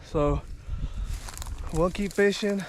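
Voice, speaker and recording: A man vlogging a fishing trip outdoors, talking excitedly to his viewers on an action camera. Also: sits high, slow pace. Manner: excited, talks to viewers as "you guys". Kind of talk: casual outdoor vlog narration. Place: outdoors by a lake on a windy day. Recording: outdoor camera mic with wind noise.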